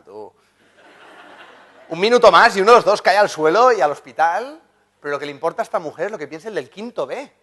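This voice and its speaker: Brief: lively conference speaker, slightly high voice, full of anecdotes and jokes. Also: male voice. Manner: animated, anecdotal, joking with the audience. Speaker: conference speaker, journalist and writer. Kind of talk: motivational conference talk. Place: conference hall.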